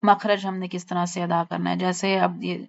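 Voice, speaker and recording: A woman's voice: on the low side, flat delivery, creaky, lo-fi sound. A woman teaching pronunciation of Arabic letters, patiently drawing out and repeating each sound and often checking that students follow. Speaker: Quran recitation teacher. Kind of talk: online lesson on letter pronunciation.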